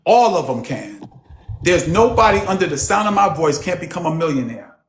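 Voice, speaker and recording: A man coaching a group on a video call, preaching emphatically and swinging between loud and soft. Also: fairly high pitch, sing-song, normal speed, a little hiss or hum. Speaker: personal development coach. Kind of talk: motivational group coaching session. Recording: roomy echo on a call.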